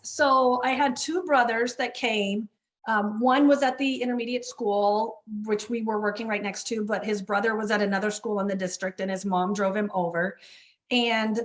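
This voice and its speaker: A woman run club coach telling a story in a casual interview, chatty, full of fillers and "you know what I mean". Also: a little high.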